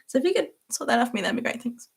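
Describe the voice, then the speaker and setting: A woman's voice: on the high side, sing-song, rapid-fire, creaky, husky. A young woman hosting a casual livestream, chatting and laughing while she answers viewers by name as she works. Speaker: livestream host.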